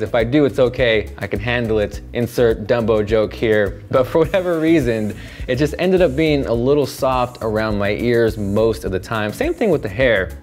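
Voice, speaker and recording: A man's voice: mid-range voice, a little mellow. Upbeat young man reviewing gadgets outdoors. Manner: upbeat, chatty, enthusiastic. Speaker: tech reviewer. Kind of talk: casual product review.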